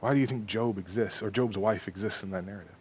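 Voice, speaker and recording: A man's voice: fairly low pitch, quick pace, a little mellow, slight background noise. A man preaching a sermon emphatically, asking rhetorical questions and checking in with "okay?".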